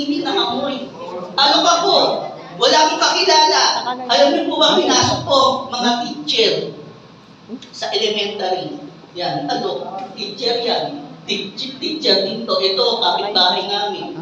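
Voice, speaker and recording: Filipino man telling his story in an echoey hall. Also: extremely high pitch. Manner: animated storyteller, acts out dialogue, laughs with the crowd. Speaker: speaker giving a testimony to an audience. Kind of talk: motivational talk. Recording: echoey hall, mic from far off.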